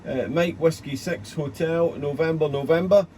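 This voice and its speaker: Higher-voiced man operating ham radio, slight noise. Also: a little mellow. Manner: repeats words and spells out call signs deliberately. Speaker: amateur radio operator calling CQ. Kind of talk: ham radio exchange with phonetic alphabet and signal reports. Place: amateur radio station.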